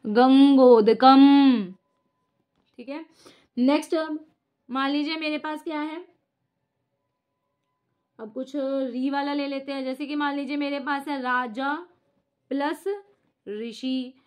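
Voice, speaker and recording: A young woman teaches a casual lesson with a high voice. She works through examples one by one, asking a question and then answering it herself. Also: fairly even intonation, measured pace, long pauses, highs cut off.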